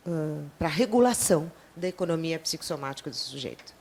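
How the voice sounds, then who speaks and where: A woman's voice: low voice, animated, a little fast, a little mellow, husky. A woman speaking at an academic panel, talking by association with many fillers and restarts. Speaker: psychoanalyst panelist. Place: lecture hall at a panel event.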